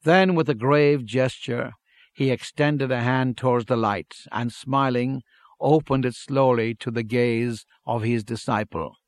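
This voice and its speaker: A man's voice: medium pitch, no room sound. Man reading a story, dry close sound. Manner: measured, steady reading. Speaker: narrator. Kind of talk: scripted story narration.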